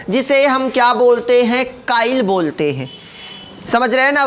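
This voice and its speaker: A man's voice: extremely high pitch, sharp tone. A man gives an informal lesson. He keeps checking with his listeners through rhetorical questions and tosses in jokes, in a chatty, down-to-earth tone. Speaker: teacher. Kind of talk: informal classroom lecture.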